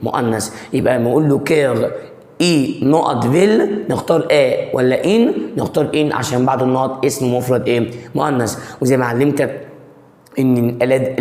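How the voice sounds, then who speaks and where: A man's voice: medium pitch, a little mellow. A man with an Egyptian Arabic accent, teaching a language lesson. He explains step by step, quizzes the listener and answers his own questions. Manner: reads example sentences out slowly. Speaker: French teacher. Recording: echoey room with a long reverb.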